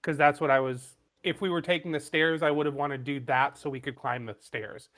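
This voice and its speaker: A man's voice: fairly high pitch, fairly even intonation, a little fast, fairly bright tone. A man chatting casually as a tabletop game player in a tentative, easygoing-to-concede way.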